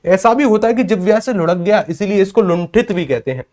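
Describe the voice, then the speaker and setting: High-voiced man teaching a class. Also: expressive, a little fast, a little mellow. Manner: asks questions and answers them himself; repeats key terms for emphasis. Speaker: Hindi teacher. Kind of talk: online exam-prep class lecture.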